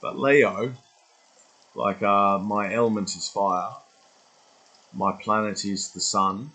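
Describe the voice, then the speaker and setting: A man's voice: fairly low pitch, fairly even intonation, slow, sharp tone, slightly rough, low-quality recording. A man in his twenties rambling through a casual vlog monologue, swearing freely and losing his track. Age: 20s. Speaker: vlogger.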